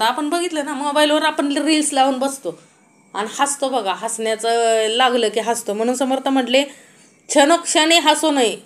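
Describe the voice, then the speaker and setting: Woman giving a devotional scripture talk. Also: on the high side. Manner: recites verses slowly then explains them conversationally, asking rhetorical questions. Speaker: spiritual lecturer.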